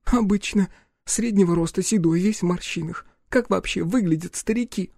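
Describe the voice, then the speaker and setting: A frightened young woman, shaking and tearful, begs for help in a thin, raised voice, as a male reader takes her part. The tone stays mellow and close-miked in a dry space. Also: moderate pace, gravelly, no room sound. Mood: terrified pleading. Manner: high, tremulous, pleading.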